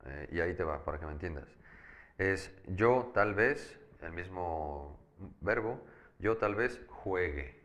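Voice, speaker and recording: A man teaching a Spanish grammar lesson, patiently explaining and slowing down to spell out each verb form. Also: low voice, animated, fairly bright tone. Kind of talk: grammar lecture.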